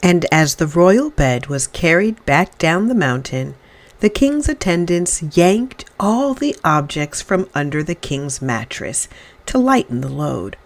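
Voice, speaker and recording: A woman with a voice on the low side reads a children's story aloud. Her narration is expressive and dramatic, with deliberate phrasing.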